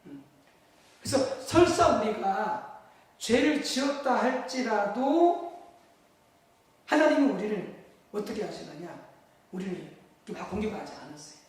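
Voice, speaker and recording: A male pastor preaches in a question-and-answer way, putting questions to the congregation and answering them himself. His voice sits high for a man, and it rings through a very echoey church hall, picked up by a mic well away from him, with a faint room hum behind. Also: very animated, measured pace, pauses often, far from the mic. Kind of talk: sermon.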